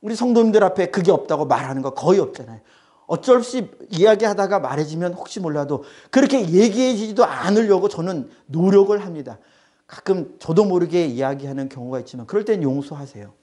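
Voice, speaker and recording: A man's voice: sits high, animated, fairly quick, warm tone. A male pastor preaching a sermon, emphatic and repeating his phrases.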